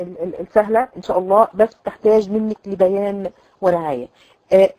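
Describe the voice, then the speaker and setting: A woman with an Egyptian Arabic accent teaching Quran recitation, explaining in a chatty way and slowly drawing out example words to demonstrate them. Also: medium pitch, a little mellow, no room sound, low-quality recording. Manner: addresses students directly, frequent "khalas?" checks. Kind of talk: recorded online lesson.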